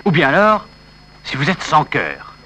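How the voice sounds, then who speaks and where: A man announcing each case in a comic sketch, in a measured way. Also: a little high, huge pitch swings. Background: loud music.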